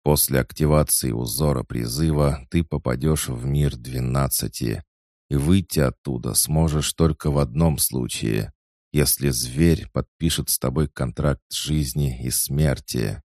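A man reading an audiobook and voicing a stern, cold older male mentor who gives strict, measured orders. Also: very deep voice, a little mellow, dry recording, clean studio sound, heavily acted. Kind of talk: audiobook character voice.

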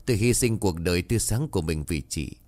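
A man's voice: low voice, lively intonation, quick pace, a little mellow, no echo. A man voicing a stern middle-aged mother who practices magic and scolds her daughter. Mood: scolding.

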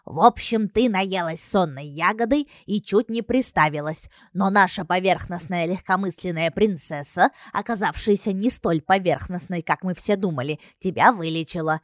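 A sarcastic, impatient companion, as a woman reader voices her, loud and exasperated and quick to huff. She rattles off her explanation with an eye-rolling edge. The recording is dry. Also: fairly low pitch, no echo, natural voice.

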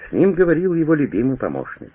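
A man narrating a historical story in measured, dramatic audiobook style, over a tinny radio broadcast. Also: on the high side, wildly swooping pitch, breathy edge.

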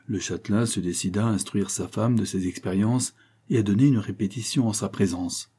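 Low, husky male storyteller. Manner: measured, even storytelling. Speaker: narrator. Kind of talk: audiobook reading of a short story.

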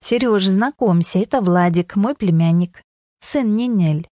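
A woman voicing a kind young aunt who speaks gently and reassuringly in an audiobook. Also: medium pitch, measured pace, dry recording, clean studio sound, natural voice. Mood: gentle.

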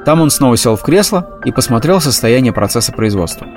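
A man narrating a comic animal storybook in a steady, even voice. His pitch sits in the ordinary middle range. Soft music plays faintly behind him. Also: fairly quick. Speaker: audiobook reader.

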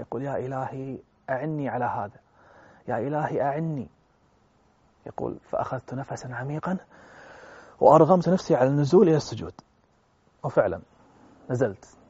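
A male preacher telling a religious story to his listeners with fervour, his voice swelling louder at the emotional peaks, on a dull lo-fi recording. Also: mid-range voice, husky, no echo. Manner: fervent, swelling loud at emotional peaks, addresses listeners directly.

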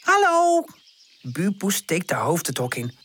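A woman narrating a children's audiobook in an expressive, sing-song way. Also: on the low side, moderate pace, husky.

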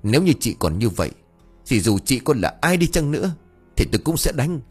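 A man voicing a young second wife who is calm but firm and answers back curtly. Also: mid-range voice, brisk, husky, voice pushed up. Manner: sharp, curt comebacks. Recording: faint background music.

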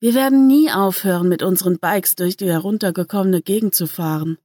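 A laid-back young biker lad with a gloomy streak, as a woman reads him, in a dry, close voice with a slightly raised pitch. He sounds cool and unbothered in a story reading. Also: brisk, warm tone, no room sound, lightly acted. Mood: defiant.

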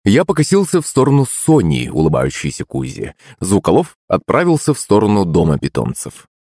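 A man's voice: fairly low pitch, huge pitch swings, brisk, darkish tone, no room sound, studio quality. A man reading a first-person audiobook as narrator.

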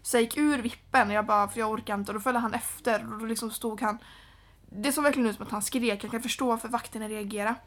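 A woman's voice: a little high, steady tone, a bit bright. A young woman co-hosting a podcast, chatting casually in an upbeat, talkative way. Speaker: podcast co-host. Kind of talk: casual chat.

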